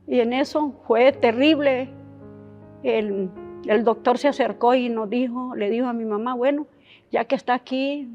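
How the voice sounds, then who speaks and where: A woman from Honduras sharing a personal testimony, telling her story in a halting, emotional way with many restarts. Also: a little high. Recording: dull lo-fi sound with faint music.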